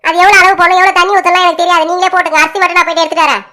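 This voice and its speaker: A woman's voice: very high-pitched, little pitch movement, rapid-fire, bright, forceful tone. Woman doing an evasive young daughter.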